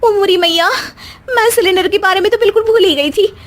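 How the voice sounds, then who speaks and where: A woman's voice: very high-pitched, a little fast, voice pushed up. A woman voicing a feisty, dramatic young daughter-in-law in a cartoon story, complaining in a whiny, exclamatory way. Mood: worried. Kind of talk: Hindi cartoon moral story acting.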